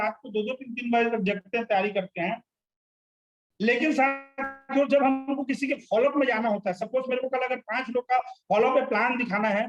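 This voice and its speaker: A man's voice: very high-pitched, echoey room, highs cut off. A man leading an online sales training session as host, speaking in a teacherly way and putting questions to the group. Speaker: sales trainer hosting a panel.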